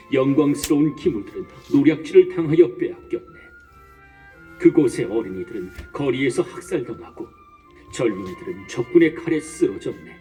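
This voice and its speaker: Actor doing an old priest-patriarch, solemn declaiming, lively swinging pitch, distant mic, soft music under. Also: male voice, natural voice. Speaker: Mattathias.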